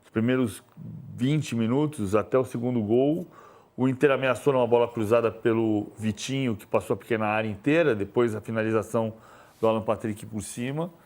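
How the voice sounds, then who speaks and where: A man's voice: medium pitch, brisk, a little mellow. A Brazilian man talking as a sports commentator in a studio debate, rambling and repeating words as he thinks. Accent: Brazilian Portuguese.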